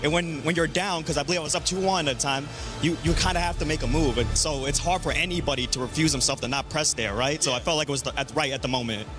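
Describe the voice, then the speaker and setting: A man's voice: a little high, quick pace. A man from the American Midwest giving a casual post-match interview on stage, with music behind him. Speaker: pro gamer being interviewed. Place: live esports stage.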